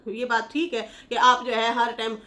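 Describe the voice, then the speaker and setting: A woman's voice: a little high, completely flat delivery, moderate pace, pushed and bright. A woman giving casual commentary, reading viewer comments aloud in a chatty, scolding manner and laughing as she mocks. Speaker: YouTube commentator.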